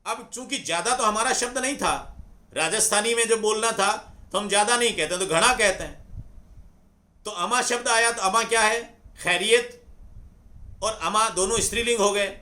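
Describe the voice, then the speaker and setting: Male lecturer, middle-aged, high bright voice, patient and explanatory. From Rajasthan, India. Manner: measured, explanatory, repeats phrases slowly for emphasis. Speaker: scholar explaining word origins.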